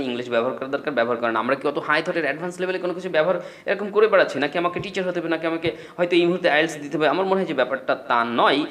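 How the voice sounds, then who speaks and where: A man's voice: fairly high pitch, a bit bright. Man teaching English pronunciation. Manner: explains slowly, repeats words for drills. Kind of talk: spoken English lesson.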